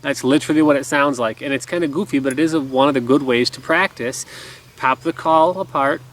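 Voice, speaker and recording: A man's voice: mid-range voice, fairly quick, a bit bright. A man in his thirties giving a casual, easygoing instructional talk in an explanatory way. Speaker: duck call instructor. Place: outdoors in a garden by woods. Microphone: camera a few feet away. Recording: outdoor camera audio with background noise.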